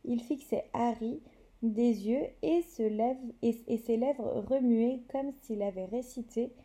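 A woman's voice: a little high, takes it slowly, dark tone. A woman reading a novel aloud, with occasional slips and self-corrections. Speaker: reader.

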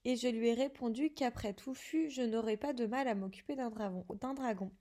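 A woman's voice: on the high side, brisk, dark tone, close to an everyday voice. A woman voicing a big, kindly male gamekeeper who rambles in candid talk. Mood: chatty.

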